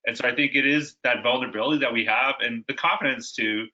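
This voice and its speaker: A male educator speaks as a guest, telling stories and often restarting his sentences. His voice is very bright, at a middle pitch. The recording sounds a little dull and muffled. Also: steady tone, fast talker. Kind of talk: conversational interview.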